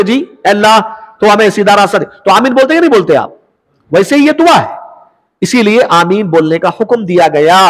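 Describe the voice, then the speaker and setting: A man's voice: sits high, a bit bright, in a large hall. A man teaching a religious lesson, explaining prayer rules and putting questions to his listeners before answering them himself. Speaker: Islamic teacher.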